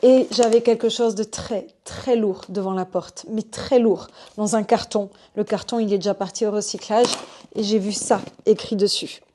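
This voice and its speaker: A young woman vlogging spontaneously at home, chatty and excited as she talks to her viewers. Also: mid-range voice, moderate pace. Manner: chatty, excited, addresses viewers as "les gars". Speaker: online business vlogger. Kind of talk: spontaneous unboxing vlog. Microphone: desk microphone.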